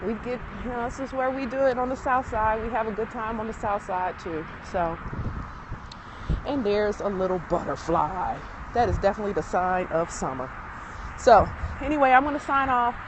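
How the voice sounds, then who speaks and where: A chatty woman real estate agent talks her way through a casual walking live-stream, full of fillers and easy asides. She sounds a little winded from the walk. Her voice comes through a handheld phone outdoors, with clear city noise around her. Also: a little high, moderate pace. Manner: chatty, rambling, with many fillers and laughs. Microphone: phone held while walking.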